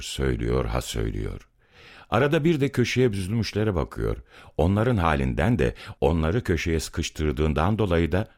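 Çok kalın, pes sesli bir erkek anlatıcı; edebi bir öyküyü sesli kitap havasında okuyor. Tonlaması son derece hareketli, cümleler bir yükselip bir alçalıyor; anlatımı tutkulu ve dramatik. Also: male voice, a bass voice. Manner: expressive, dramatic storytelling. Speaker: narrator. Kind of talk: literary audiobook narration.

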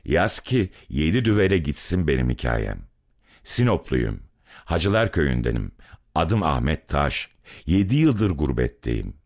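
A man's voice: extremely low pitch, sing-song, measured pace, a little mellow, exaggerated voice. A man voicing a bitter, angry young brick-kiln worker who is far from home, in a dramatic story reading. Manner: bitter, accusing, heated.

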